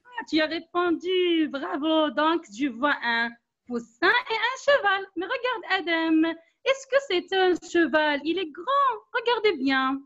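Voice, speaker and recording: A woman teaching an online class for young children, speaking slowly and patiently, encouraging them and repeating instructions over a video call. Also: very high voice, very animated, fairly bright tone. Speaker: primary school teacher. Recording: dull lo-fi online call audio.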